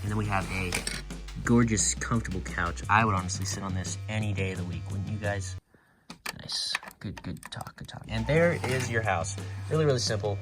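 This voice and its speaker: A man talking viewers through his build in a relaxed, casual way as he works. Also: fairly low pitch, brisk. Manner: relaxed, talks to viewers while working. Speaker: YouTuber building on screen. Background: loud background music.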